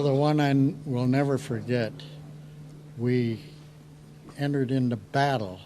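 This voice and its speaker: An American man in his eighties, an old war veteran remembering his service in a halting, reflective interview. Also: mid-range voice, darkish tone, slight background noise, low-quality recording. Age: 80s. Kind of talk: recounting war memories in an interview.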